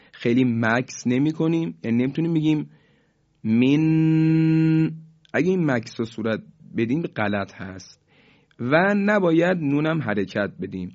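A man gives a recitation lesson in a mid-pitched voice. He explains rules quickly and then draws out each example word slowly. The recording is dull and lo-fi. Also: a little mellow. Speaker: Quran recitation teacher.

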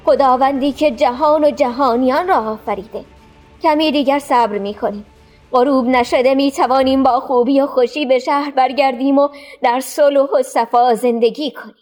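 A woman voicing a dignified old man elder who speaks calmly and steadily in a storybook. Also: high-pitched, soft background music, voice pushed up, lightly acted. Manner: calm, steady, faithful.

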